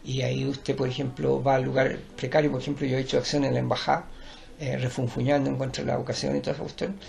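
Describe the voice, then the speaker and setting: A man's voice: medium pitch, little pitch movement, quick pace, creaky, darkish tone. An older man with a Chilean accent, a teacher and performer, talking in a digressive, lecturing way with many restarts. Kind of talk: rambling conversational interview.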